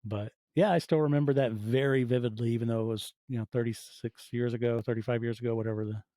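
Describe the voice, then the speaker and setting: Here the forties-aged audio fiction producer talks quickly as a podcast guest, casually telling stories and playing out brief quoted asides. His voice is medium-pitched, warm and fairly even in intonation, and the recording is dry.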